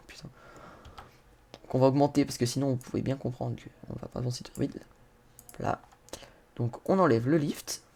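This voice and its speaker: A man giving casual game tutorial commentary, talking straight to his viewers and laughing and swearing at his own mishaps. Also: a little high. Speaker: gaming YouTuber.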